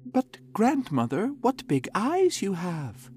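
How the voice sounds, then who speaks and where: A trusting little girl from a fairy tale, as a male reader puts her on, chirping high and eager. Her voice leaps lively up and down the scale. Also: slow pace, a little hiss or hum, heavily acted. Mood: uneasy. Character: innocent young girl, trusting and cheerful.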